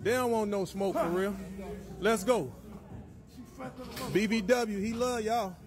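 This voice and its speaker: Loud music fills the large indoor gym where a man in his forties, phone in hand, films and cheers on lifters. He counts reps and chants catchphrases in a high voice, taking it slowly.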